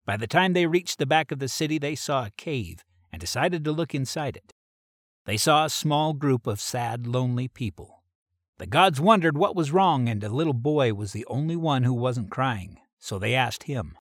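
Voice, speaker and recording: A man's voice: mid-range voice, expressive, moderate pace, no echo. Man reading a story, dry close sound. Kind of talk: reading an original myth adventure story aloud.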